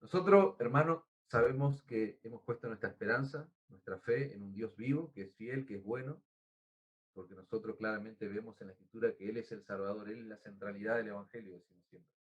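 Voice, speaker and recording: This Argentine pastor's voice sits fairly low and moves a little fast, though the audio is dull. Earnest and teacherly, he explains words and spells them out as he preaches, frequently addressing his listeners as brother.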